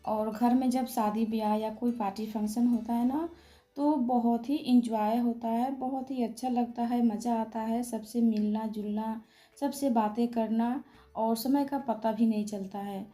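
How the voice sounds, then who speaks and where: A hoarse woman with a Bihari Hindi accent, narrating a casual vlog slowly and softly to spare her sore throat. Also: a little high, steady tone, soft background music. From Bihar, India. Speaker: vlogger.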